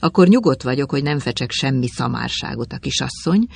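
A storyteller voicing a fussy, teasing elderly gentleman who walks with a cane. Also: mid-range voice, animated, creaky, husky, exaggerated voice. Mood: chatty.

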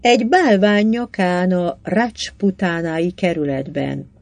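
A woman reading aloud, voicing a calm, confident man who speaks plainly and unhurriedly. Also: lowish voice, gravelly, dry recording. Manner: calm, plain, matter-of-fact.

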